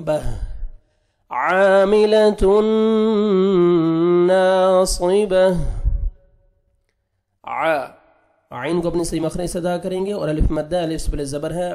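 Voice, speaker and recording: A man teaching Quran recitation, patiently spelling out letters and sounds, then drawing out each recited word slowly. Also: on the high side, warm tone. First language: Urdu.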